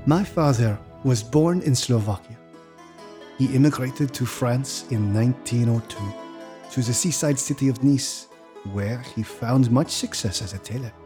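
Warm and unhurried, a natural medium-pitched voice belongs to an actor portraying a man in his 80s in an audio drama. The character is reflective and solemn, recalling his childhood and haunted by his father. Music sits under the speech.

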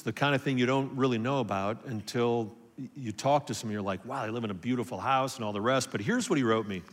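A man preaching a sermon as pastor, earnest, swinging from emphatic peaks to quiet storytelling. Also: mid-range voice. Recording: long hall reverb.

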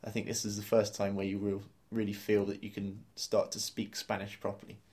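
Male lesson host, fairly low voice, upbeat explainer who laughs easily. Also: completely flat delivery, brisk, a little mellow. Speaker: language course host.

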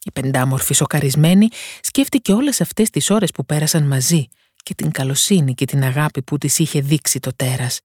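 Breathy woman reading a fairy tale. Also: deep voice, a little mellow, no echo, studio quality. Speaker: storyteller. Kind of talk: scripted fairy-tale narration.

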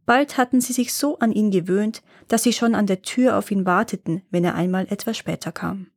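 Calm woman reading a fairy tale. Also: medium pitch, dry recording, clean studio sound. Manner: calm, measured storybook narration. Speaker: storyteller.

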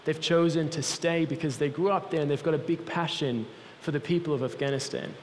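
Brisk and fairly even in intonation, with fairly high pitch, a young Swiss-accented man from Switzerland preaches a heartfelt sermon as a guest for a mission group. The large church hall adds long reverb, and a little hiss or hum can be heard.

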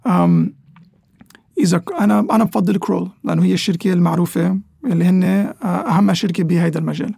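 A man's voice: high-pitched, fairly even intonation, fast talker, creaky, warm tone, breathy edge, no room sound. A man with a Lebanese Arabic accent explaining things conversationally as an interview guest, mixing English terms into his Arabic. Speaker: interview guest, economic analyst.

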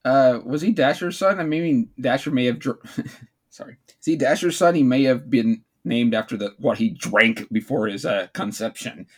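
Casting: male co-host, raspy mid-range voice, informal, halting and jokey reactions. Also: medium pitch. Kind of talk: casual reactive commentary.

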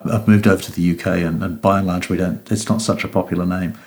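A middle-aged man, talking casually as a podcast guest. His voice sits a little low, and he tells his stories in a self-deprecating way, restarting his sentences often and laughing at himself. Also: fairly even intonation, fast talker, darkish tone. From New Zealand. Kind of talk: casual interview chat.

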